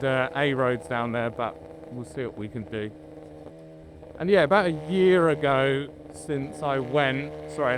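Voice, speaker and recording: A British man vlogging casually from a motorbike, rambling informally into a helmet mic as he rides. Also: a little high. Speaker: motovlogger. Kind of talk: casual vlog chat while riding. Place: outdoors on a moving motorbike. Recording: noisy helmet mic, engine hum. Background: motorbike engine and road noise.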